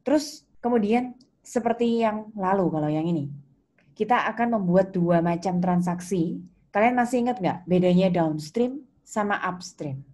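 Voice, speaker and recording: Speaking at a normal speed, this woman has a dark-toned, mid-range voice and an Indonesian accent. As an accounting lecturer, she teaches students in a relaxed, conversational way, pausing to quiz them on whether they follow.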